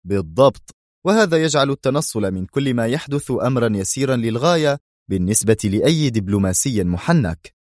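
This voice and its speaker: A man's voice: fairly low pitch, expressive, a little fast, a little mellow, dry recording, studio quality, lightly acted. A man doing a stern, unshakable commander. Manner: firm, clipped, commanding. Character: stern, cool-headed male intelligence commander.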